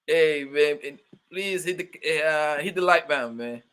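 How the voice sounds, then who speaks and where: Born in Colombia and brought up in Brooklyn, this young man hosts a casual livestream in a New York accent, cracking loose jokes and naming viewers from the chat. His voice is on the high side, unhurried, smooth and a little bright.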